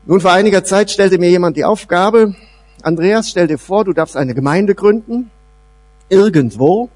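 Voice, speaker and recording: A man preaching a sermon, swinging between loud emphasis and soft, low asides. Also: moderate pace, dry recording. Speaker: pastor.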